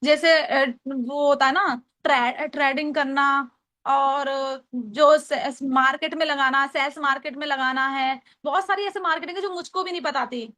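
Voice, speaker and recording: A young woman from Agra with a high, bright-pitched voice and a Hindi accent. She coaches a team in casual Hindi mixed with English, acting out both sides of sample sales calls. Her explanations go step by step, repeating key lines so listeners can write them down. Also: steady tone, moderate pace. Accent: Hindi, from Agra, Uttar Pradesh. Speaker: trainer teaching call scripts. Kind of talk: casual training talk with role-played calls.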